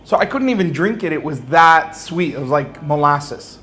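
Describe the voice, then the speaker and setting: A man with a slightly higher voice tells a humorous story from his own life to a crowd. He acts out each side of the conversation in an animated way. A faint hiss of noise sits under his voice. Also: moderate pace. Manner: animated, acts out dialogue, often laughs. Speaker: religious speaker. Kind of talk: humorous personal storytelling to an audience.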